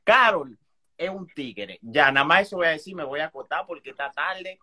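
Blunt man, bright voice. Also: fairly high pitch, expressive, normal speed. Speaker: live stream participant. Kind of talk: casual opinion chat.

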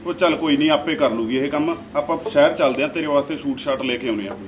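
A man's voice: a little high, a little hiss or hum, natural voice. A man playing a hot-tempered protective brother. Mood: insistent. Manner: insistent and quick to anger. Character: hot-tempered loving brother, a village husband.

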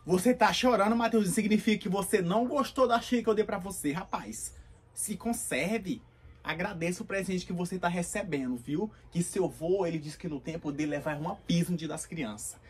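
A man's voice: high-pitched, a little fast, slightly rough. A man playing a poor, sentimental grandmother in a comedy sketch who coaxes and then scolds her grandson. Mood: scolding. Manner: doting, coaxing, then scolding. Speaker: comedy skit performer.

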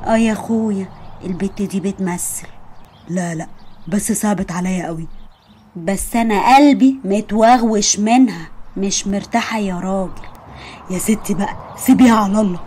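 A gruff, bumbling male kidnapper with an Egyptian accent, as a woman puts him on, muttering low and husky. He grumbles along in a comic skit voice, more silly than scary. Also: moderate pace, dark tone, natural voice. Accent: Egyptian Arabic.

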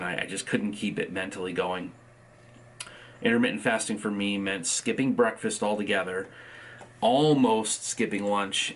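A man with a very low voice talks loosely through a video diary update, filling pauses with ums and uhs. He sounds a little sleepy, as if it is early in the morning. A faint hiss sits under the recording. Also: a bit bright. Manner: rambling, frequent ums and uhs. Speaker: vlogger.

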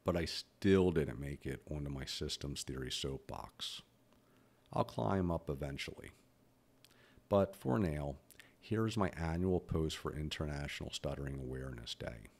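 In an unhurried, creaky and slightly mellow very deep voice, a man in his fifties reflects on his own life. He's a podcast host with a stutter, and he speaks bluntly and candidly.

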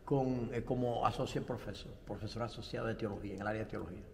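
A man's voice: lowish voice, fairly even intonation, quick pace, gravelly, long reverb tail, crowd noise. An older man from Cuba, a pastor and theology professor, answering interview questions in a reflective way with light self-deprecating humor. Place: studio set with bright backdrop.

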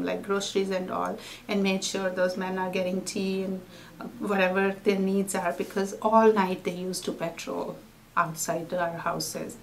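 A middle-aged woman with an Indian English accent, giving an oral history interview in a halting, soft-spoken way. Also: mid-range voice, low-quality recording. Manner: halting, soft-spoken, drops to near-whisper at grim moments.

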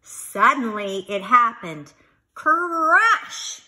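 A woman voicing an earnest, excitable young male monster telling his story from a children's book with emphatic, animated delivery. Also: fairly high pitch, very slow, full character voice. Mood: eager, excited.

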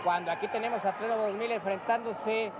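A man's voice: high-pitched, steady tone, brisk. A man with a Mexican accent giving chatty, opinionated lucha libre commentary as a wrestling co-commentator. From Mexico City. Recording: muffled, loud crowd and noise. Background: loud arena crowd.

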